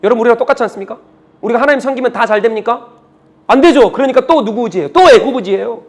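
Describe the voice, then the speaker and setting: A middle-aged male pastor preaching a sermon, reading scripture slowly and asking the congregation one rhetorical question after another. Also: very high-pitched. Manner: reads scripture slowly, then explains.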